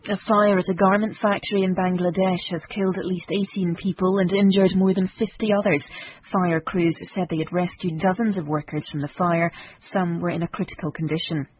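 A British woman reading a scripted radio news bulletin in a measured, formal manner. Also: on the low side, steady tone, breathy edge, no room sound, muffled recording. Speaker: newsreader.

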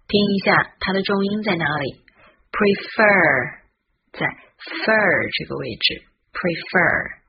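A woman's voice: mid-range voice, normal speed, vocal fry, slightly rough. A woman hosting a spoken English lesson, spelling words out letter by letter in a teacherly way. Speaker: English teacher and podcast host. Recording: dull lo-fi recording.

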